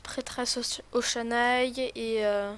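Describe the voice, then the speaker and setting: A woman's voice: fairly high pitch, steady tone, slow pace, fairly bright tone, a little hiss or hum. A woman with a lisp on her s sounds, rambling and thinking aloud in casual commentary as she hosts a gaming video.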